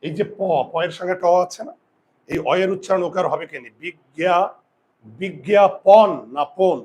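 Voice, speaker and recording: A man's voice: high-pitched, fast, poor audio. A man teaching a pronunciation lesson in class. He drills the rules over and over and keeps asking his students questions. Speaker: Bengali grammar teacher.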